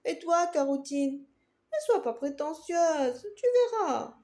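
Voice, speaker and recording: A woman voicing a soft little bell pepper in a children's story, resigned and gently admonishing. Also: high-pitched, lively intonation, slow, full character voice. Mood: resigned farewell.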